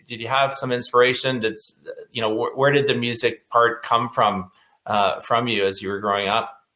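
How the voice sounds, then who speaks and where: A male host welcoming viewers and asking a guest questions, enthusiastic but halting, with many fillers. His voice is bright and forceful, set at an ordinary middle pitch. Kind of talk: hosting an online interview. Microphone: video call mic.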